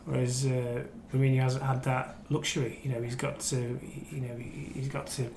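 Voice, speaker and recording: This podcast guest, by trade a crime reporter, keeps up a casual, teasing football chat that wanders and repeats itself. He has a medium, level voice with a darkish tone and vocal fry, at a moderate pace. The recording carries room echo and faint background noise.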